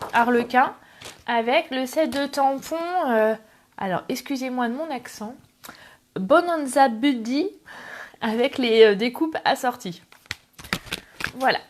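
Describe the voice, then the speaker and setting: A middle-aged woman's higher voice comes through with slight background noise as she hosts a casual craft livestream from a tripod-mounted camera. Chatty and self-deprecating, she greets viewers by name in between the steps.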